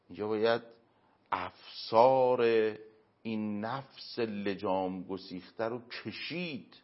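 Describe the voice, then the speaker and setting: Guy with a lowish voice giving earnest religious advice in an interview, dull lo-fi sound. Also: creaky, husky. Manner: earnest, explaining with everyday examples and emphatic pauses. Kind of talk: moral teaching in an interview. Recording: dull lo-fi recording.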